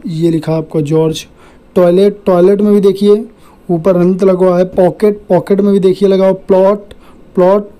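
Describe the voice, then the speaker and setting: A woman's voice: on the low side, warm tone, poor audio. A woman teaching a Hindi shorthand lesson, going through words one by one and checking each point with the class. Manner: repeats "theek hai" after each point, patient and methodical. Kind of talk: explaining a lesson on screen.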